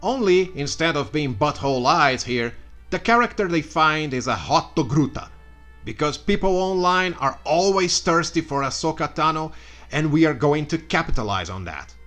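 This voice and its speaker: Guy narrating a comedy story recap, bright and kind of sharp, sarcastic asides, faint music underneath. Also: on the high side, lively intonation, normal speed. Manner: sarcastic asides and mock outbursts.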